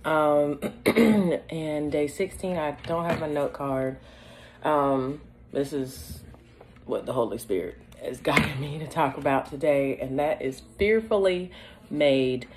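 A woman with a stuffy nose hosting a morning devotional, reading psalms aloud and often clearing her throat. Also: sits low, slow pace, a little mellow, a little hiss or hum. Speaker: devotional host.

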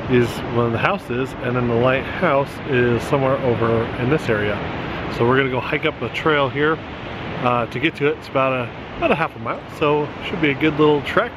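A man's voice: mid-range voice, heavy background noise. A middle-aged man vlogging casually on a road trip, easygoing and chatty with many fillers, filmed on a handheld camera outdoors and in a car. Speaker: travel vlogger. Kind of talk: casual vlog narration. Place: outdoors on a coastal trail and inside a car.

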